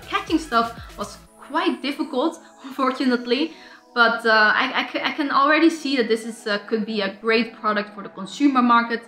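A woman's voice: a little high, sharp tone, reverberant. A woman hosting a vlog, chatting casually to camera with fillers and restarts. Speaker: vlog host.

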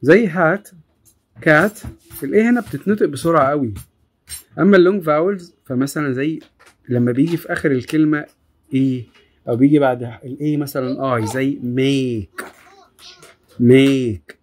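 A woman with an Egyptian Arabic accent teaching an English phonics lesson to children, repeating each example word slowly. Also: sits low, a little mellow. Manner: slow, drawn-out word repetition.

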